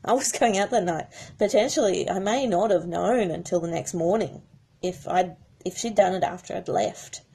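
A woman's voice: fairly low pitch, normal speed, vocal fry, warm tone, breathy edge. A woman telling a personal story in a rambling, emotional way, with many restarts. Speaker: horse owner. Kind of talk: casual storytelling.

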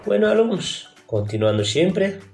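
A male teacher speaks in a formal, patient classroom manner and keeps addressing his pupils directly. His pitch rises and falls animatedly as he poses rhetorical questions. The recording has a noticeable roomy echo with faint music underneath. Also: sing-song, measured pace, vocal fry.

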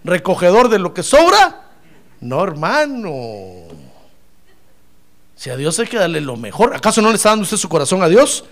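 A man preaching a sermon as pastor, animated and acting out the voices of his congregants. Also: fairly high pitch, normal speed, pauses often.

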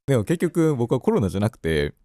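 A man's voice: mid-range voice, sing-song, fast talker, a crowd in the background. A man hosting a recurring radio corner, telling stories casually and acting out what people said. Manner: storytelling, acts out quotes.

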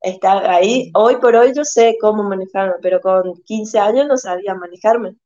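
A woman chatting on a podcast as a guest, speaking haltingly with many restarts. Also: medium pitch, warm tone, highs cut off. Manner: halting, restarts often, thoughtful. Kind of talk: casual chat.

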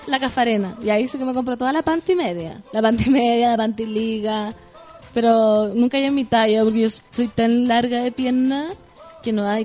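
A woman with a Chilean accent hosting a radio show, chatting loudly and playfully in slang and reading out listener messages. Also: a little high. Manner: loud, playful, slangy, bursts into song.

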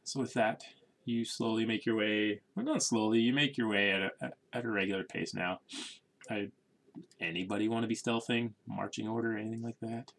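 Male game master, low gravelly voice, relaxed halting narration. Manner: casual, halting, with fillers and restarts.

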